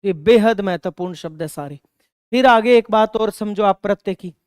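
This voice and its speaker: Clear-voiced male grammar teacher. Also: high voice, normal speed, a little mellow, dry recording, studio quality. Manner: asks questions, then answers them himself; repeats and stresses key words. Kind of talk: online exam-prep grammar lesson.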